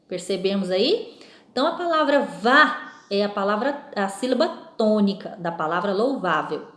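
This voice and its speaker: A Brazilian woman teacher giving a recorded lesson to young pupils, slowly stressing example words and often checking in with them. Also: a little high. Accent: Brazilian Portuguese. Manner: slow, emphatic spelling-out of example words. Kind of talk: recorded remote school lesson. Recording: echoey room sound.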